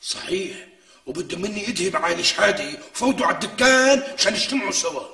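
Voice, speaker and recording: A gravelly, nosy Syrian shopkeeper. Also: male voice, high-pitched, expressive, fast, bright, forceful tone, heavily acted. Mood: scheming. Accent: Syrian Arabic. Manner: gossipy, courteous. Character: chatty, nosy neighborhood shopkeeper. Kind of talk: TV comedy acting.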